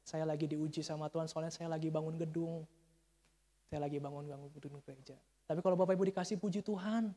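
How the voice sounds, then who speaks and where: A male pastor preaching a sermon, telling a story with lively swings and calling to the congregation as he goes. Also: fairly high pitch, quick pace. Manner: animated storytelling, addresses congregation as Pak and Bu. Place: church sanctuary. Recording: church hall reverb.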